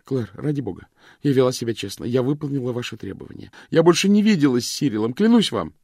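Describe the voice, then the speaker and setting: A man's voice: medium pitch, a little fast, gravelly, a little mellow, breathy edge, dry recording, voice pushed up. A male reader voicing a desperate young woman who pleads breathlessly in a dry, close recording. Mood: pleading.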